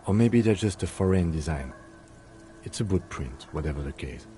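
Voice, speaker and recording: A calm, deadpan police lieutenant. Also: male voice, low voice, a little hiss or hum. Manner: measured, deadpan. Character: calm, dry-witted male police lieutenant. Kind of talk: video game voice acting.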